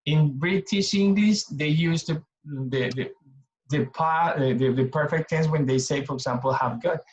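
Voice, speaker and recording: A man student, native in Spanish, with a Latin American accent, explaining haltingly and repeating words in a class discussion. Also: a little high, muffled recording.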